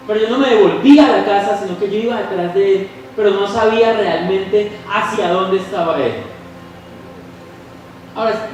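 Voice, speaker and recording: A young man with a Colombian Spanish accent preaches in a church hall with a high, light voice. He tells his stories with animation and acts out the people in them. His voice reaches the mic from far off, with a strong echo and faint noise behind it. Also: a little mellow. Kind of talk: sermon with storytelling.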